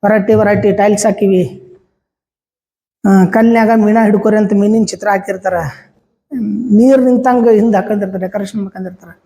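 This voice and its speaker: A man's voice: high voice, fairly even intonation, a little fast, pauses often, mellow, long reverb tail, poor audio. Man, North Karnataka Kannada accent, classroom lecture, chatty, rhetorical questions. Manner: chatty, asks students rhetorical questions, tells anecdotes. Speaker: teacher.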